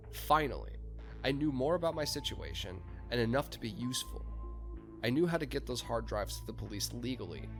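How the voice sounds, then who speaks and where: Male podcast host, first-person story narration, soft music underneath. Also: medium pitch. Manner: laughs and swears freely in chat.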